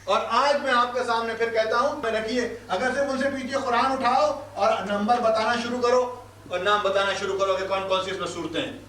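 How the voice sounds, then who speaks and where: A man's voice: very high voice, fairly even intonation, sharp tone. A man with a Pakistani Urdu accent teaching Quran commentary, reciting verses and then explaining them with scolding rhetorical questions. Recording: echoey hall, distant mic, faint hiss.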